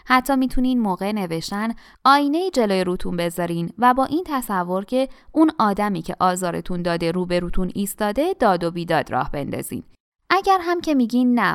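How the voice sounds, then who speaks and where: A woman reading a self-help audiobook in a calm, measured, advising manner. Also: on the low side, clean tone. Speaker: audiobook narrator.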